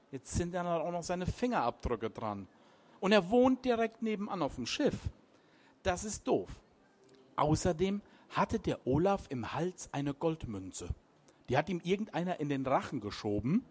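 Animated man reading a crime story. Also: on the high side. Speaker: reader.

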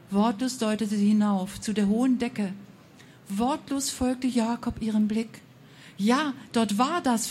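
A woman telling a fairy tale aloud, expressive, with a few slips and self-corrections. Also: a little high, slight background noise. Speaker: storyteller.

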